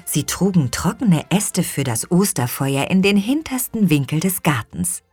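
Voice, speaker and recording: A woman reads a children's story aloud in an unhurried, expressive way. Her pitch moves lively through the sentences. The recording is dry and close. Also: slightly rough, no room sound, faint music behind. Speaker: audiobook reader. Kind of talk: scripted children's story narration.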